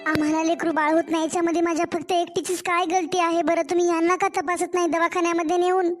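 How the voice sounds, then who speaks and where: A woman's voice: extremely high pitch, flat delivery, fast talker, soft background music. A woman voicing a young, mistreated daughter-in-law in a cartoon story, pleading. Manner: pleading, complaining.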